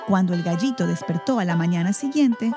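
A woman narrating a children's story aloud in an expressive, animated manner. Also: fairly low pitch, a little fast, music in the background.

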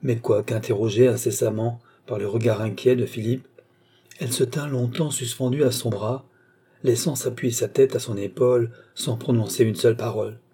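Male audiobook narrator, measured literary reading, warm husky tone. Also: mid-range voice, steady tone. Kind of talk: novel reading.

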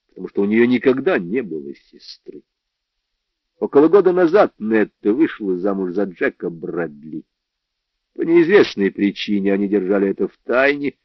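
A man's voice: on the low side, no echo. Man reading a crime novel aloud. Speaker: audiobook reader. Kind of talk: first-person novel narration. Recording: dull, lo-fi dry recording.

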